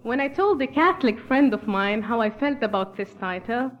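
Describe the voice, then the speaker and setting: A lo-fi recording captures a Palestinian woman from Bethlehem, a native Arabic speaker, giving a formal address in accented English at a church gathering. Her voice is on the high side and animated, her tone earnest and measured.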